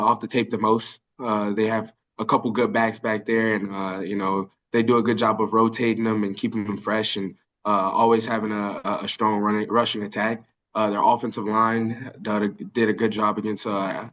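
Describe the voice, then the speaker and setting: A man's voice: lowish voice, a bit bright. A young man in his early twenties from Birmingham, Alabama, answering press questions over a video call in an earnest way, with many fillers and restarts. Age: early 20s. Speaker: college football linebacker.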